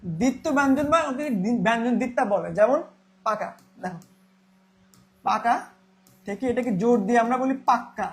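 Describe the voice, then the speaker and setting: A man's voice: extremely high pitch, a little fast, pauses often. A young man teaching a Bangla grammar class, repeating key terms and asking then answering his own questions.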